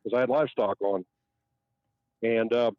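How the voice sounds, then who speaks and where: A man's voice: medium pitch, steady tone, moderate pace, no room sound. Older man, livestock trucker, call-in chat, opinionated rant, repeats himself, lo-fi dull line, dry. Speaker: livestock truck driver and fellow show host. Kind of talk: phone-in chat. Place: outdoors at a truck loading site.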